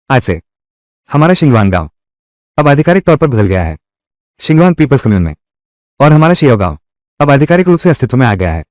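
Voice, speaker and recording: A man's voice: mid-range voice, darkish tone, no echo, studio quality, lightly acted. Man acting a village town crier making proclamations.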